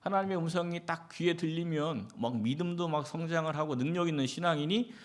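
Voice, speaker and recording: A man's voice: a little high, fairly quick. Guy pastor doing a sunday sermon, chatty, lots of questions to the room, acts out quotes. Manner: conversational preaching with acted quotes and rhetorical questions.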